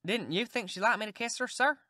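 A woman's voice: on the high side, brisk, pushed and bright, dry recording, studio quality, pitched above the performer's own voice. A woman voicing Tom Sawyer, a cheeky Southern boy who talks in a polite, mock-innocent drawl.

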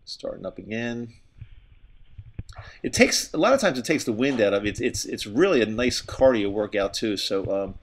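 A man's voice: on the low side, lively intonation, normal speed. Winded man narrating his ski run. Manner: breathy, stop-and-start commentary with restarts. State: winded from exertion. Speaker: skier filming with a helmet camera. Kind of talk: casual narration while skiing. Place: outdoors on a steep ski slope. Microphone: helmet-mounted camera.

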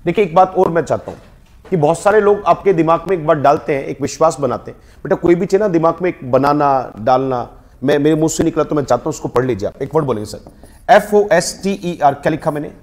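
Man, Indian accent, English teacher, classroom drilling, fairly high voice. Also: fast talker, a little mellow. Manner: drills the class, prompting them to repeat words. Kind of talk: classroom spoken English lesson. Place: classroom with students.

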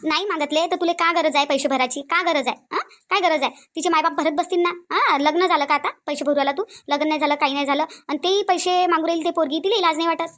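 A woman plays a cartoon mother-in-law with a Varhadi Marathi accent, quick and high as she nags her family. She scolds without pause and says everything twice, in an ordinary cartoon voice. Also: a bit bright. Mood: angry. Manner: nagging, repeats herself. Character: angry scolding middle-aged mother-in-law. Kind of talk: cartoon voice acting.

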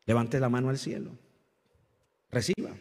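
Husky-voiced preacher in a reverberant church. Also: male voice, normal speed, a little mellow. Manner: impassioned preaching, rising and falling in pitch and volume; calls on the congregation to repeat after him. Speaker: pastor. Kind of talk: sermon. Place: church hall.

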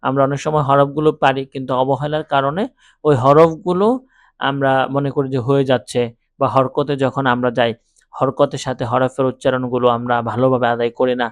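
A man teaching Quran reading, drawing out recited words slowly between calm, encouraging explanations. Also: medium pitch, no room sound. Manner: slow drawn-out recitation between plain explanations. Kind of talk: recitation lesson.

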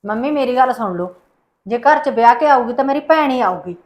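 A woman's voice: fairly high pitch, lively intonation, a little fast, lightly acted. A woman playing a young daughter-in-law who bluntly insists her sister marry into the house. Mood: stubborn. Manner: blunt, stubborn demands.

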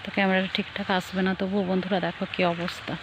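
Woman vlogger murmuring low outside, flat even tone, bit of faint outdoor noise. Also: racing. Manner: soft, hushed, chatty. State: cold and shivering. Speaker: village vlogger. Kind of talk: casual vlog walkthrough. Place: outdoors in foggy fields at dawn.

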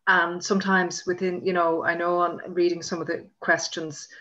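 A woman on an online bereavement panel, speaking earnestly and gently. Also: lowish voice, flat delivery, normal speed, lo-fi sound.

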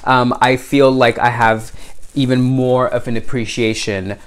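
A man's voice: mid-range voice, little pitch movement, a little slow, a little hiss or hum. A man reviewing a collector doll in an unboxing vlog. He gushes, gasps and squeals, and chats directly to his viewers and to the doll's designer. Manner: gushing, exclamatory, frequent gasps and squeals.

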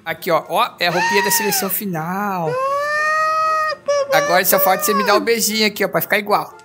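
A man voicing Zenitsu, squeaky and excitable. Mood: playful. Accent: Brazilian Portuguese. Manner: excitable, playful, flirty, quick to squeal. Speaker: VR roleplay streamer. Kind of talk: in-character VR roleplay. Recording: background music playing.

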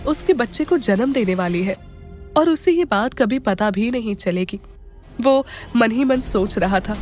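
Woman narrator, fairly high voice, dramatic, expressive, faint music underneath. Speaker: storyteller. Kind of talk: scripted audio drama narration.

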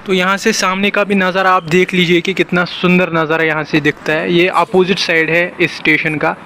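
Filmed on a handheld phone outside a metro station and stadium, this casual travel vlog features a young man giving walking-tour commentary and pointing out sights. He talks fairly quickly in a high-pitched voice with little pitch movement, over loud street and crowd noise.

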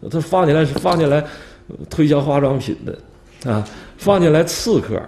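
A man's voice: fairly high pitch, animated, normal speed, a little mellow, a little hiss or hum. A male history professor gives a storytelling lecture, posing rhetorical questions and chuckling at his anecdotes. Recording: roomy lecture hall echo.

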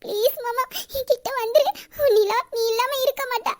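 A woman's voice: very high voice, fairly even intonation, quick pace. A young woman voicing a devoted wife who tearfully pleads for her absent husband in an audio drama. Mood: pleading. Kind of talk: emotional audio drama acting.

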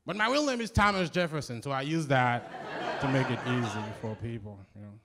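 A man's voice: medium pitch, fairly quick, a crowd in the background, background noise. A man with a Haitian accent, from Haiti, doing a live stand-up set with a punchy, wry delivery. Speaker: stand-up comedian. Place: live comedy show stage.

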